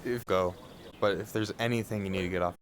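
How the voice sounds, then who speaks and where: An actor playing a concerned, steady man looking after a friend in a dramatic video game. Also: on the low side, fairly quick, natural voice. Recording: clear outdoor background noise.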